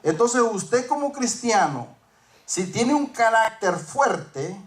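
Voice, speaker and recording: A man's voice: high voice, very animated, takes it slowly. Emphatic storytelling male preacher. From northern United States. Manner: storytelling, acting out dialogue, rising to emphatic peaks. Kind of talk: sermon with personal story.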